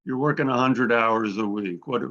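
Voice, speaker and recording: A man's voice: mid-range voice, moderate pace, sharp tone, muffled recording. A man hosting an admissions coaching webinar over a video call, talking bluntly and repeating his words as he thinks aloud. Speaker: admissions consultant host.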